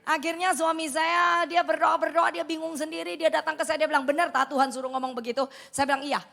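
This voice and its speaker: A middle-aged woman preaches in with a tinge, her voice high and gravelly. She tells stories animatedly, acting out the dialogue. The sound rings with a long reverb from a large hall. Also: fairly even intonation, fast talker, fairly bright tone. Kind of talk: sermon.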